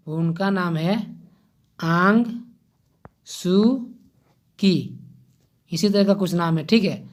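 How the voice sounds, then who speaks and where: A man talking his viewers through an exam-prep lesson in an easy, chatty way. He keeps turning to the audience with little "okay?" checks. He pauses now and then to find his place. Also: high-pitched, a little mellow. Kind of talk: casual general-knowledge lesson.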